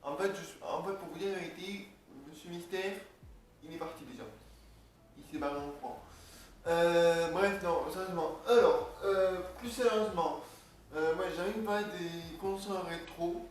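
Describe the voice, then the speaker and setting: Reading off his notes, a young man vlogs casually, joking and wandering from point to point as a video creator. His voice is high and his pace moderate. The audio is echoey and distant from the mic, with a little noise.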